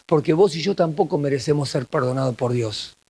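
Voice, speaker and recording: High-voiced Argentine man preaching a sermon. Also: fairly quick, slightly rough. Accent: Argentine Spanish. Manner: swings between hushed intimate passages and raised emphatic ones. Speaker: pastor. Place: church camp gathering.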